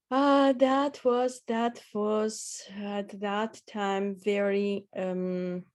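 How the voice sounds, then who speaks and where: Woman in her 40s, slow and halting, lots of uhs. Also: mid-range voice, a little mellow. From Armenia. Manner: hesitant, many pauses and fillers. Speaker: guest. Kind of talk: interview answers.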